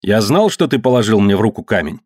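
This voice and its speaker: A man voicing a fierce young man who shouts defiant commands and challenges in a story reading. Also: fairly low pitch, very animated, fast talker, no echo, studio quality. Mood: commanding.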